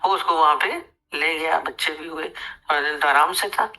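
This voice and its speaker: A woman spiritual teacher with a lowish but bright, clear voice. She teaches and tells a fable in a conversational, animated way. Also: moderate pace, poor audio. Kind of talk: sermon with storytelling.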